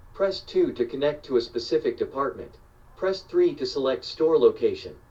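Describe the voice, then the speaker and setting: A male voice reading a recorded automated phone menu message, listing numbered options in an even, measured announcer delivery. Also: medium pitch. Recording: dull, distant playback of a phone menu.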